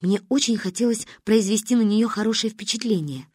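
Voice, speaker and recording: A woman narrating a humorous story in a lively, expressive storytelling manner. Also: on the high side, a little fast, slightly rough, no echo, clean studio sound. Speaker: audiobook narrator.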